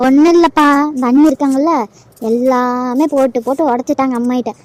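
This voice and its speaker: A pleading, protective young daughter from a homemade cartoon, voiced by a woman. She speaks fast and high. The sound is dry and close. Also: fairly even intonation, darkish tone, no room sound, close to an everyday voice. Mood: indignant. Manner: pleading, indignant. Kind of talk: amateur cartoon voice acting.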